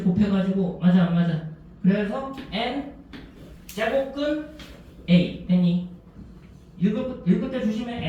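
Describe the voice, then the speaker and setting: A male teacher lectures a class, constantly firing short check questions at his students. His voice sits high for a man. He is caught from a distance in a strongly echoing classroom. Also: lo-fi sound, a little hiss or hum. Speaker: math teacher.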